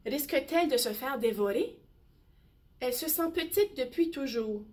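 A woman teacher reading a bedtime story aloud slowly and expressively. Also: high voice. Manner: slow, gentle, expressive.

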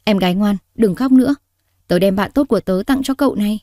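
A woman voicing a bold, big-hearted three-year-old girl who is always hungry, in a bright, eager childish voice. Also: medium pitch, quick pace, no room sound, studio quality, lightly acted.

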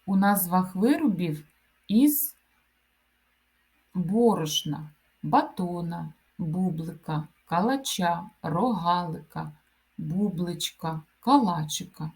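Slow, low-voiced woman teaching grammar. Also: expressive, a little mellow. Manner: slow, deliberate dictation-like delivery. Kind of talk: grammar lesson, reading example word lists.

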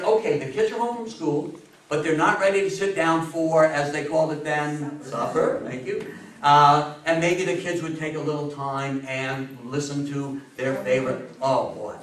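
Speaking to a small audience in an interactive public history talk, a man in his sixties from New York State tells stories in a lively, theatrical way and throws out rhetorical questions. His voice is slightly high. The recording comes from a far-off camera mic in a reverberant meeting room.

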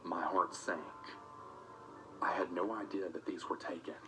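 A man reading a first-person scripted story in a matter-of-fact way, as narrator of an animated video. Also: low-pitched, a little slow, crowd noise. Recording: music playing under the voice.

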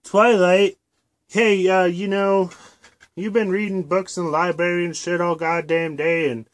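A man's voice: high-pitched, flat delivery, unhurried. Man doing a snarky baby dragon sidekick. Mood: whiny. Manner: whiny, sarcastic, swearing. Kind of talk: parody cartoon dub.

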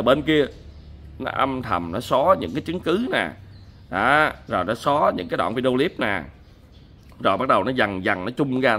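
A man's voice: medium pitch, a bit bright. A man giving heated, indignant commentary to his viewers, scolding emphatically and repeating himself. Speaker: online commentator.

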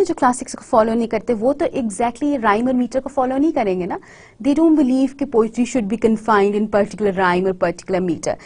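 A woman's voice: medium pitch, darkish tone, slightly rough. A woman lecturer giving a recorded university lecture. She switches between Hindi-Urdu and English and often stops to check that the class follows. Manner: slow deliberate English phrases, quick runs in Hindi-Urdu.

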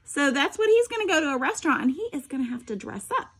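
A middle-aged special education teacher reads a picture book aloud expressively, pausing to give her students instructive asides directly. Her voice is high and very animated, and she talks fast.

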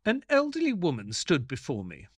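A man playing a mild, earnest doctor who narrates his detective tale in a measured, polite audio play style. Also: on the high side, huge pitch swings, slightly rough, full character voice. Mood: reflective. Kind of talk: dramatic first-person audio play narration.

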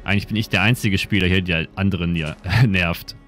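A man's voice: low voice, brisk, fairly bright tone, soft background music. A man streaming a game, giving laid-back, musing casual commentary as he plays.

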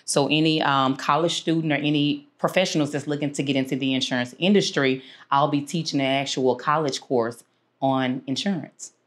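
A woman in her thirties from Houston, a business owner talking through her career as an interview guest, unhurried and full of fillers. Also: low-pitched, steady tone. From Houston, Texas. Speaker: guest, insurance agency owner. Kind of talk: casual interview. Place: small studio room, seated.

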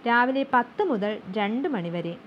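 A woman's voice: fairly high pitch, lively intonation, measured pace. A woman doing Duncan Ross, a shrewd businesslike manager. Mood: formal. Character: shrewd smooth-talking male manager of a club. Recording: slightly dull with faint hum.

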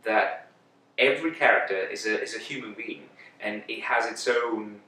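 In a casual indoor interview on a sofa, this actor, a man in his thirties and a native Greek speaker, speaks thoughtfully and often restarts his sentences. His voice is fairly low, bright and forceful at a moderate pace, and the audio is roomy and slightly distant.

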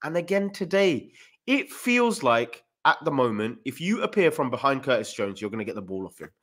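A man co-hosting a casual football chat over a video call, animated and often jumping up in pitch. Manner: animated, quick rises in pitch. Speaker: co-host. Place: home room, video call. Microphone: desk mic on video call.

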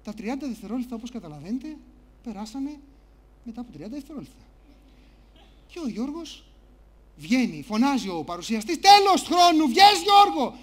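A male speaker on a conference stage, telling a story in an animated, theatrical way. His voice sits on the high side for a man, and he switches between a low, hushed tone and bursts of volume as he acts out scenes. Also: pauses often, slightly rough. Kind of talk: live storytelling talk.

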